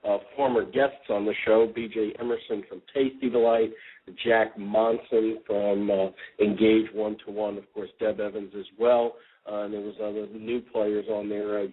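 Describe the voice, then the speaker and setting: Man, radio talk show host, casual, rambling, lots of uhs, lowish voice, phone-line sound. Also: slightly rough. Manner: relaxed, rambling, frequent ums and uhs. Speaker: podcast host.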